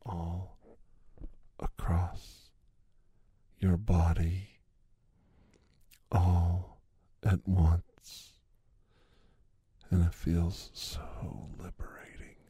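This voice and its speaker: A deep-voiced man talks in an unhurried, intimate murmur that keeps sinking into whispers. His tone is dark and mellow and his voice is husky and breathy. The recording is dry, with no room sound around him. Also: completely flat delivery, dry recording. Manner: slow, soft, lingering delivery with long pauses; drifts between low voice and whisper. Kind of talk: intimate ASMR roleplay.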